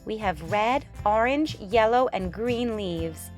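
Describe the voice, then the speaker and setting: A woman's voice: mid-range voice, animated, slow, soft background music. A woman hosting a children's lesson in a playful, sing-song teaching style, with exaggerated, encouraging delivery and simple short phrases. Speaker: children's educator and show host.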